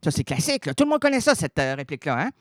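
Radio host, male, goofy rambling storyteller, slightly high voice, dry close studio sound. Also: big pitch swings, very fast, no echo. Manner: rambling, playful, wordplay and stammered restarts. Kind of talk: absurd comic storytelling on radio.

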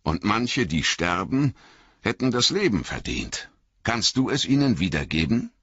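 A man voicing an old, wise male wizard who speaks in a grave, measured way with emphatic repetition, in an audiobook reading. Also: on the low side, very animated, fairly bright tone, husky, dry recording, pitched above the performer's own voice, full character voice. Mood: admonishing. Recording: dull lo-fi audiobook recording.

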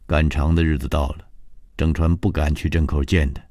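A male narrator reading a horror novel aloud in measured, scripted storytelling with dramatic rises. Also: a bass voice, little pitch movement, a little mellow, no room sound, studio quality. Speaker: audiobook narrator.

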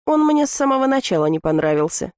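A woman's voice: sits high, very animated, fast talker, a little mellow, no room sound, studio quality, voice pushed up. A woman reading an audiobook, voicing a cheeky adult man who teases his sister. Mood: teasing. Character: teasing adult brother, cheeky joker.

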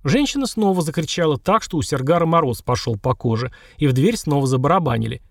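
A man's voice: fast talker, gravelly, no echo. Man narrating an audiobook, dry sound. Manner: raises pitch for dialogue, steady narrating. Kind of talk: scripted narration with voiced characters.

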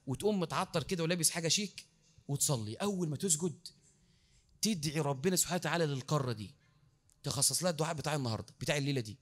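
Lively Egyptian preacher with a high voice. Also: male voice, racing. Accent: Egyptian Arabic. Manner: lively, repeats words for emphasis, asks the crowd questions. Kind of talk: mosque lecture. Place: mosque.

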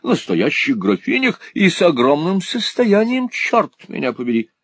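A man's voice: high-pitched, very animated, normal speed, a bit bright, no echo, voice pushed up, full character voice. A man voicing a foppish, pompous husband who gushes and swears theatrically in an audiobook reading. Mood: swaggering. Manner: gushing, languid, swaggering exclamations.

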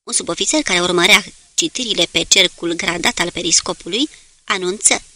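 A woman reading a novel aloud as an audiobook narrator, in a steady, measured way. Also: on the low side.

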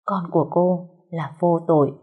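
A woman voicing a bitter, vengeful woman rival who speaks spitefully and sometimes haltingly. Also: fairly low pitch, steady tone, breathy edge, narrow, tinny audio. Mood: remorseful. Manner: spiteful, then remorseful and halting.

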